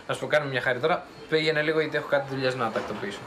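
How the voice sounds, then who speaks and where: A man acting a husband in a TV drama, defensive and dismissive. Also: medium pitch. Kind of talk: acted TV drama dialogue.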